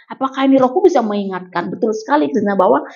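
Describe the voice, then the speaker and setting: A middle-aged woman pastor talks quickly and patiently as a podcast guest. Her speech runs fast, full of small fillers. The recording is dull and lo-fi. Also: on the high side, lively intonation, a little mellow. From Bali, Indonesia. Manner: explains patiently, many fillers. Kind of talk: casual chat.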